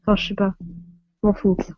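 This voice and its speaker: A woman's voice: medium pitch, level tone, brisk, muffled recording, slight background noise. A woman from France hosting a casual live stream on her phone, laughing often and flustered by technical trouble.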